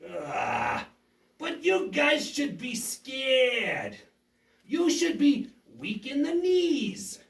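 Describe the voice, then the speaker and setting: A performer voicing a gloating, fearmongering villain puppet with drawn-out taunts in a children's show. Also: high voice, wildly swooping pitch, heavily acted. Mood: menacing. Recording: roomy echo, distant mic.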